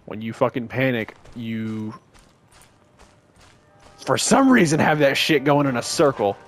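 A young man commentating as he plays a horror game, swearing often, talking to the game's characters and getting excitable when things go wrong. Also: mid-range voice, a little slow, soft background music. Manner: profane, excitable, talks to the game. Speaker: gaming channel host.

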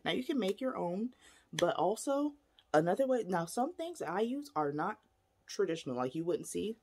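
A woman talking through a home teaching video, easygoing and rambling as she holds up objects. Her voice sits at a middling pitch, with nothing unusual in tone. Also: sing-song, moderate pace, a little mellow, a little hiss or hum. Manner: chatty, rambling, shows objects to camera. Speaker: spiritual teacher. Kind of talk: casual teaching vlog.

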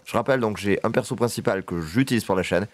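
A man giving casual gameplay commentary, excitable and swearing, chatting to his horse as he plays. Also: fairly low pitch, quick pace. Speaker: gaming video creator.

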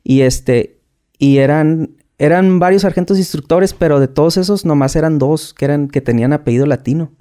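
A man's voice: a little high, normal speed, warm tone. A man with a Mexican accent, telling his story as a podcast guest in casual, slangy talk, often repeating and restarting words. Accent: Mexican Spanish.

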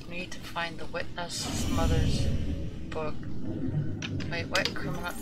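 A woman's voice: fairly low pitch, level tone, slow, very noisy. A woman doing casual let's play commentary, reading on-screen game text aloud as she goes. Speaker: gamer, let's player.

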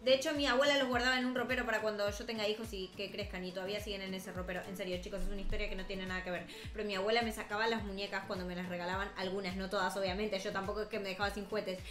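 A woman in her 20s offers casual reaction commentary on a cartoon story, chatting, joking, and tossing in quick amused asides. Her medium-pitched voice is fairly bright but flat in delivery, in a roomy space with soft background music.

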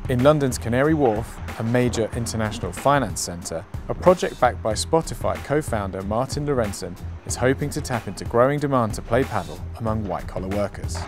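A man giving measured, scripted news narration as a voice-over. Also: mid-range voice, lively intonation, music in the background. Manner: measured, informative.

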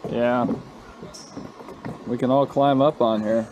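A man's voice: medium pitch, fairly even intonation, slow pace, a little mellow. A man chatting casually as he vlogs while sightseeing. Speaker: vlogger. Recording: noisy handheld outdoor vlog.

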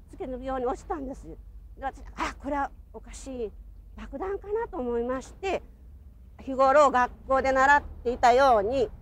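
Older woman with a Hiroshima accent, telling her story. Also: high voice. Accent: Hiroshima Japanese. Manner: vivid storytelling, acting out voices and sound words. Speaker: atomic bomb survivor giving testimony. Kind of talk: recorded testimony, recounting memories.

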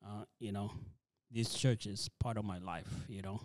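With no echo on the track, a Dinka-speaking ministry leader talks as the guest of a church interview. His low, flat voice stays soft, and his speech is halting, broken by frequent fillers and restarts.

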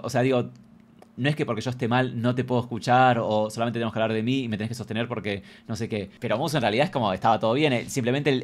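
Young argentine guy rattling off stories super fast, slangy and animated. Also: mid-range voice. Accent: Argentine Spanish. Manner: rapid, animated, slangy and expressive. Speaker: comedian streamer. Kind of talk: casual chat with viewers.

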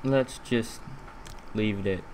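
Young man, lisp, lowish voice, halting casual game commentary, noisy background. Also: darkish tone. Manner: halting, rambling, repeats himself. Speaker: gaming video host.

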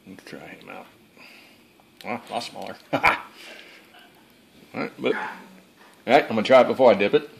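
A man's voice: mid-range voice, moderate pace, creaky, long pauses, a little hiss or hum. Folksy Southern man grilling outdoors. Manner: folksy, relaxed, self-amused. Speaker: cooking channel host. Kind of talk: casual cooking vlog narration. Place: backyard outdoors, then indoors at home. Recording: insects and crickets behind.

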